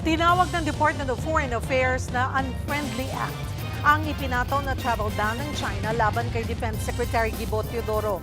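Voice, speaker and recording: High-voiced woman news anchor. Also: normal speed, over loud music. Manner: formal, direct to viewers.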